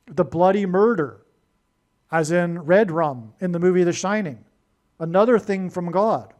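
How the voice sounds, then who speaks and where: A man's voice: high-pitched, a little slow, a little mellow. A man delivering a rambling solo monologue, full of digressions and restarts. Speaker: prophecy video host.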